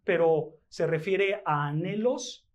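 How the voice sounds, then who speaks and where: Mexican pastor guy, high voice, emphatic sermon, keeps asking "what?" then answering. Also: slow, highs cut off. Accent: Mexican Spanish. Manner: emphatic, asks and answers his own questions; addresses the congregation as brothers.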